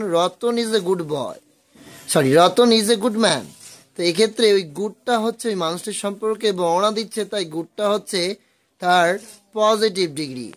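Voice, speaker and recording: A male tutor gives a grammar lesson and explains each rule slowly. His voice sits very high and sounds bright and sharp. He reads lists of words in an even, measured rhythm.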